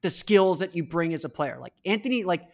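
A man's voice: high voice, lively intonation, a little fast, vocal fry. A man hosting a podcast in casual chat, often repeating words and restarting his sentences. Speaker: podcast host.

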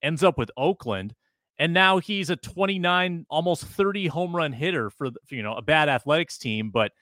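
A man's voice: fairly high pitch, expressive, moderate pace, bright, forceful tone, no room sound, clean studio sound. A man hosting a sports podcast in a conversational way, in short casual phrases. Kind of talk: casual sports talk and conversational host-read ads.

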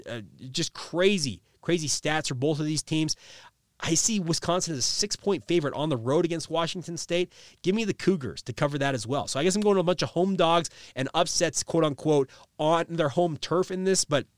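A man's voice: a little high, no room sound, studio quality. A man hosting a sports podcast, talking through his weekend picks in a casual, filler-heavy way, with a nasal voice. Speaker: podcast host. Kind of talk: sports betting picks talk.

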